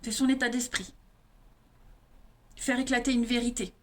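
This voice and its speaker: A woman with an eastern French accent reads the tarot cards for the month, speaking to her audience head-on and regularly closing lines with "hein." Her slightly high, slightly mellow voice moves little in pitch, at a moderate pace.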